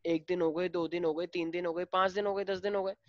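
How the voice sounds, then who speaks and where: A male teacher with an Indian accent explaining biology to a class, switching between Hindi and slowly dictated English lines. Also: high-pitched, level tone, lo-fi sound, a crowd in the background.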